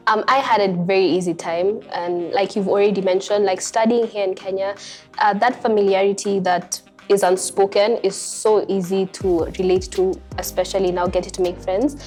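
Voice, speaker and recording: A woman of twenty-one, a guest in a casual chat, speaking in a relaxed, measured way. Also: medium pitch, soft background music. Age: 20s.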